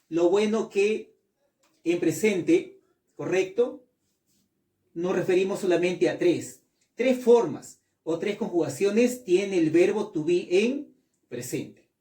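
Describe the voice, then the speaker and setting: A man teaching a classroom lesson, speaking slowly, repeating words and checking often that the class follows. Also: high-pitched, warm tone, roomy sound, recorded from a distance. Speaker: English teacher.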